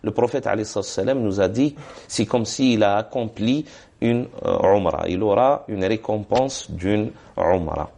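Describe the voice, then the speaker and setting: At a moderate pace, a religious scholar in a TV studio answers questions, his voice on the low side, gravelly and mellow. He offers religious advice hesitantly, with many fillers and recitations of Arabic formulas.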